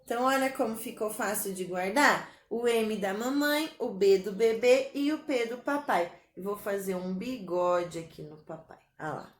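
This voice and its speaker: A woman teaching a spelling lesson to young children in a slow, sing-song way, with a Brazilian Portuguese accent. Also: medium pitch. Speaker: primary school teacher. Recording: echoey room.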